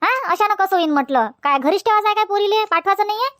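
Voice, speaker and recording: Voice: very high voice, expressive, fast, pushed and bright, dry recording, clean studio sound, exaggerated voice. A voice actor playing a village man who consoles the family, soothing and repetitive. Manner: soothing, repeats himself with "mhatla".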